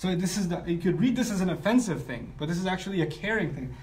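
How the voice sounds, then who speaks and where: A man teaching a structural lesson on scripture, animated and often voicing the speakers of the story as he explains. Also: high-pitched, fast, far from the mic. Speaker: Quran teacher. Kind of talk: lecture on scripture. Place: broadcast live online.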